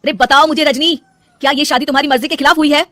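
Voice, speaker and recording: A woman's voice: mid-range voice, lively intonation, fast, no echo, natural voice. A woman voicing a patient, loving young husband who talks in a coaxing, pleading way.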